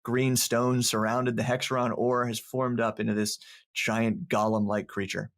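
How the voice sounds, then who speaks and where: Guy running a tabletop game, rambly descriptions, lots of ums and laughs, middle pitch. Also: flat delivery, a little slow. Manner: rambling descriptive narration with many fillers; laughs often between descriptions. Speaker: game master.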